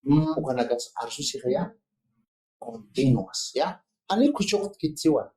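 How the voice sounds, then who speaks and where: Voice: mid-range voice, very animated, unhurried, a little mellow, reverberant, rough recording. A lecturer giving a university seminar on phonetics, explaining step by step and often checking that students follow. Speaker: linguistics lecturer.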